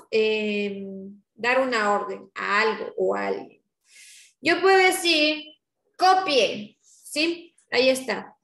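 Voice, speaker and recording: A woman's voice: high voice, reverberant. A woman teacher giving a patient grammar lesson to her class, often checking in with her students.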